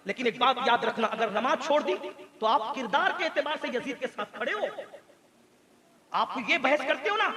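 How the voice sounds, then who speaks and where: Fiery high-voiced male preacher, echoey hall. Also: bright, forceful tone. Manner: fiery, rhetorical, repeating refrains. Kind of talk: impassioned sermon.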